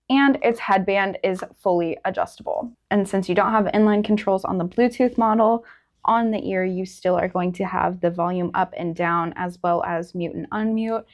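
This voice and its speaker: Woman doing a casual gadget review, medium pitch, talking as host. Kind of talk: headset review, casual presenting.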